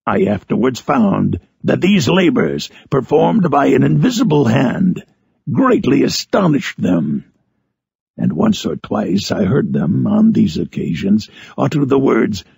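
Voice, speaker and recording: A man voicing Frankenstein's monster, a lonely, eloquent man-made creature, in a solemn, harsh storybook narration with drawn-out phrasing. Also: medium pitch, sing-song, a little mellow, no room sound, heavily acted. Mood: wistful, reflective. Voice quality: harsh, gravelly, raspy. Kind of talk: dramatic audiobook narration in character.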